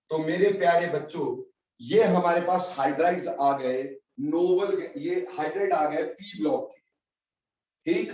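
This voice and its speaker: High-voiced man teaching in an echoey classroom. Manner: addresses students fondly as children, repeats key points; mixes Hindi with English terms. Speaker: chemistry teacher. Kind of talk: classroom lecture. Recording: roomy, distant, dull lo-fi classroom recording.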